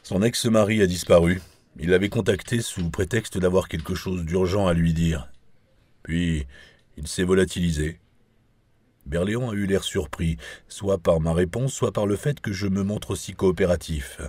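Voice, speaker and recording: A man's voice: low-pitched, normal speed, darkish tone, slightly rough, no room sound. A man narrating a novel in the first person, with a dry, wry delivery. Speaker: audiobook narrator.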